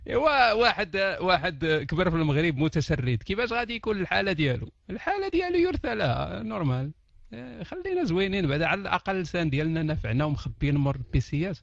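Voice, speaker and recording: A man's voice: sits high, rapid-fire, creaky, no echo, highs cut off. A Moroccan man with a Moroccan Arabic accent, chatting casually and jokingly to his online audience from behind his computer. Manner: animated, joking, laughs often. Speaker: online talk host. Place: at home behind a PC. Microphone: computer mic.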